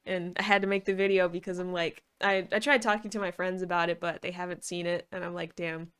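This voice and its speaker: A woman's voice: fairly low pitch, flat delivery, brisk, a bit bright, smooth. A woman giving casual, rambling video commentary, thinking aloud in an informal, hedging way. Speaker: video reviewer.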